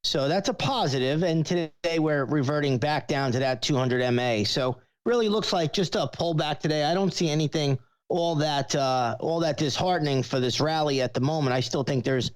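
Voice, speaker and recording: A regular guest market analyst, a man with a fairly high voice, talks at a moderate pace with few pauses. His commentary on the show is conversational and explanatory.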